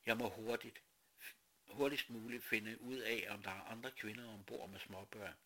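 Man, story narration, low-pitched, bright tone, dramatic whispers and outbursts. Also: fairly even intonation. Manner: slow, dramatic reading with sudden whispers and outbursts. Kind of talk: first-person story narration.

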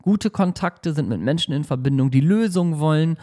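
Animated man giving casual motivation. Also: fairly high pitch, a little fast. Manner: animated, slangy, acts out whiny coworkers.

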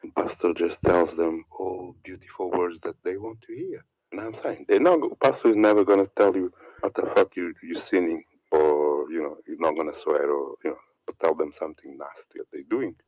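A man's religious monologue comes through on a dry, muffled recording. Preachy and rambling, he repeats words and lists and mocks others by putting on a high voice.

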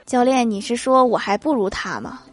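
A woman's voice: on the high side, normal speed, background noise. A woman hosting a comedy podcast, reading funny anecdotes and laughing at her own punchlines. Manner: lively, laughing asides after punchlines. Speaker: podcast host reading jokes. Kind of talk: comic storytelling with acted quotes. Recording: faint background music.

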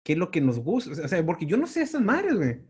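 With a high, husky, darkish voice that swings hugely in pitch, this fast-talking man in his forties hosts a podcast. He has a Mexican accent, and his intro and casual interview chat are slangy and full of swearing.

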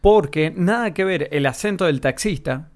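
A man with an Argentine accent in casual film talk, relaxed, agreeable and slangy. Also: on the high side, normal speed. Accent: Argentine Spanish.

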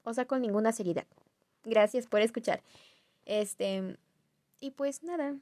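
A woman's voice: fairly high pitch, unhurried, mellow, no echo. A young woman with a Mexican accent, casually telling a family story to viewers, chatty and self-mocking. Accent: Mexican Spanish. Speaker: vlogger.

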